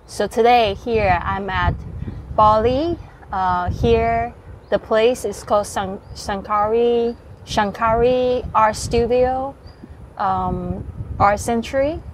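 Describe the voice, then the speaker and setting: A woman's voice: medium pitch, a little hiss or hum. A woman podcast host, not an English speaker, interviewing a guest at an art studio with friendly, hesitant restarts.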